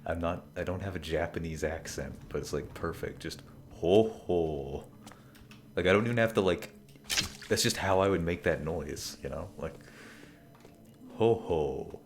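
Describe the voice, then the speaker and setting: A man chats casually and jokily while streaming a video game, rambling along with plenty of trailing filler words. His voice sits low and moves a little slowly, with a slight hiss or hum in the background.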